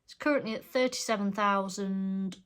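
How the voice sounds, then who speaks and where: In a casual show-and-tell of her cross stitch projects, a middle-aged woman with a stuffed-up, congested voice rambles and corrects herself. She speaks at a moderate pace in a mid-range, fairly bright voice with fairly even intonation.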